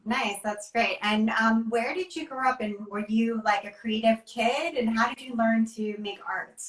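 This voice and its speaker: A woman's voice: a little high, normal speed, a bit bright, recorded from a distance. A woman hosting a casual interview over a video call, asking friendly, upbeat questions. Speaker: host. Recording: echoey room, voice off-mic.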